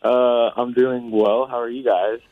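A man's voice: mid-range voice, steady tone, moderate pace, no echo. A man talking over a phone speaker on a radio show, hesitant and guarded, with many fillers. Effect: heard over a phone speaker. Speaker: radio show call recipient. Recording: tinny phone line on speakerphone.

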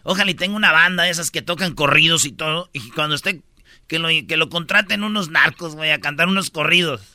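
A man's voice: a little high, quick pace, sharp tone, no echo, clean studio sound. A man with a Mexican accent hosts a radio comedy show, delivering a boisterous, slangy run of jokey news. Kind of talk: comic news rundown.

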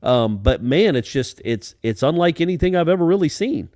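Animated, rambling sports talk host. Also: male voice, on the high side, normal speed, no echo, studio quality. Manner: animated, rambling, many restarts. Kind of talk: casual sports chat.

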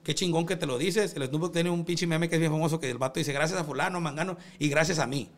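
A man's voice: a little high, quick pace. A man with a Sinaloan Mexican accent in casual, motivational conversation as a podcast guest, using slangy, sweary street talk. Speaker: podcast guest, music label representative.

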